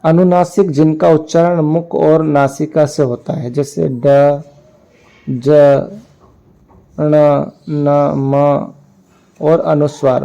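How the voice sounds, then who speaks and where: A middle-aged man teaching a grammar lesson slowly, pausing on fillers and sounding out letters one at a time. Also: on the high side, gravelly, dark tone, low-quality recording. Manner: halting, many "a" fillers, spells out sounds one by one. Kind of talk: slow explanatory lesson.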